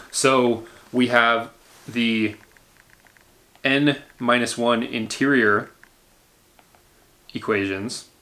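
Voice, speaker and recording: A man's voice: fairly low pitch, sharp tone. A man lecturing a university engineering class, explaining step by step with frequent fillers and restarts.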